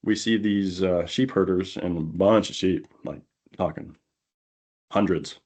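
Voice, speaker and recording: A man hosting a podcast, telling a hunting story in a casual, animated way and laughing often. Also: deep voice, unhurried. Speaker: podcast host.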